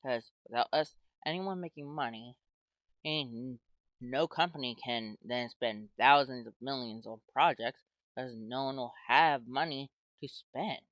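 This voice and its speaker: A man's voice: mid-range voice, unhurried, fairly bright tone, no echo, highs cut off. An American man rambling hesitantly in casual commentary as a YouTuber, talking his way through his thoughts with lots of "well" and "like". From United States. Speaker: YouTuber playing a game.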